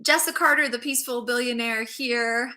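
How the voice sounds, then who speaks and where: With a fairly high, steady voice that sounds pushed and bright, a woman hosts a casual live stream as a mindset coach, talking fairly quickly. Her chat is loose, full of restarted phrases and greetings to new viewers.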